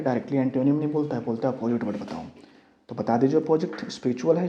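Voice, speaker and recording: A warm, fairly high-pitched male voice delivers an exam-prep English lesson. Constantly asking questions and supplying the answers himself, he weaves English terms into what he explains. The classroom-style audio is dull and lo-fi.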